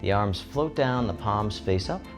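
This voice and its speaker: A man giving serene, gentle tai chi instruction in short, soothing guided movement cues. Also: fairly low pitch, animated, unhurried. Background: instrumental music.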